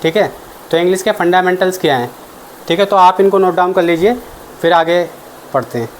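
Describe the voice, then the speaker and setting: A man's voice: high voice, a little fast, a little hiss or hum. A man giving an exam-prep grammar lesson as the teacher, explaining step by step and answering his own questions. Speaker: English teacher.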